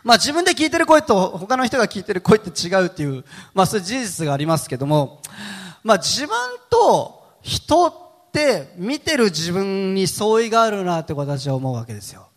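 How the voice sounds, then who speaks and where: A male pastor speaking to his congregation in a high, very animated voice that swoops up and down. He talks in a chatty, storytelling way and laughs easily. The long reverb of a large hall trails after each phrase. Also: moderate pace. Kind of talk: sermon.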